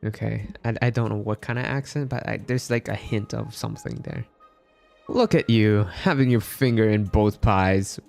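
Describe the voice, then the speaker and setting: A man's voice: fairly low pitch, normal speed, gravelly, a little mellow, faint music behind. A man from the Philippines streaming a game, chatting casually and joking with viewers. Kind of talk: casual live commentary.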